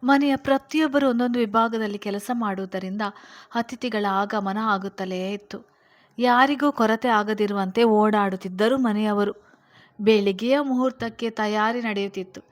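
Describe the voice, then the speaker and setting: A woman steadily narrating a serialized novel as the channel's storyteller. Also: mid-range voice.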